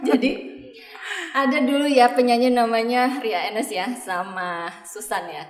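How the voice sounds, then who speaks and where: A woman's voice: on the high side, unhurried. A woman hosting a casual school podcast, playful and teasing with her guests. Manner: playful and teasing, with bits of sung lines. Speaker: podcast host and teacher. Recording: long room reverb.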